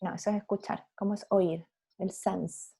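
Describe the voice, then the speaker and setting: A woman's voice: mid-range voice, fairly even intonation, moderate pace, creaky, warm tone, husky. A woman, an English teacher giving feedback on a video call, correcting and explaining patiently. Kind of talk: online class feedback.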